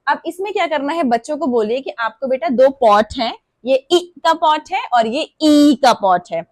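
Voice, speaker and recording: High-voiced woman teaching vowels. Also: no room sound, studio quality. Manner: stretches and repeats example words slowly. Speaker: preschool Hindi teacher. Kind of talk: explaining a lesson to parents.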